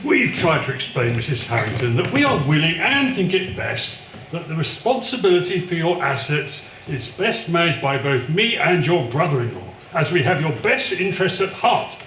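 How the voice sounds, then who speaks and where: An actor playing a smooth, condescending lawyer who speaks formally in a stage play. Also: male voice, fairly high pitch, sing-song, moderate pace, fairly bright tone, slight background noise. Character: smooth patronizing male lawyer Robertson. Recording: echoey stage sound.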